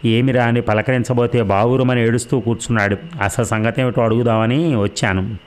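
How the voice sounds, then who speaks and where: A man's voice: medium pitch, fairly even intonation, fairly quick, lightly acted. A man voicing a talkative, fussing middle-aged village mother in a storybook reading. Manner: chatty, fussing.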